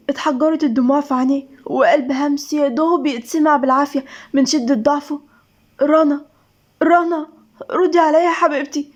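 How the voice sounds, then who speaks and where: A woman's voice: high voice, a little mellow. A woman with an Egyptian accent narrating a dramatic romance story with emotive reading. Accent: Egyptian Arabic.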